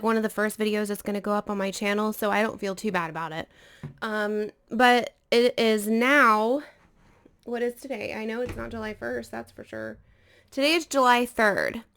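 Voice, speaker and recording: A woman's voice: a little high, fairly bright tone, smooth. A woman casually chatting about books for her video channel, rambling a little with frequent fillers. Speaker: book vlogger. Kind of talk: casual book chat.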